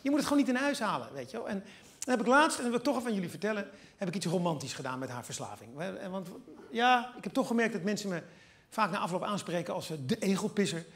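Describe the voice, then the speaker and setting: Man, stand-up comedian, middle-aged, high voice, rapid rambling delivery, animated asides. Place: theatre stage before an audience.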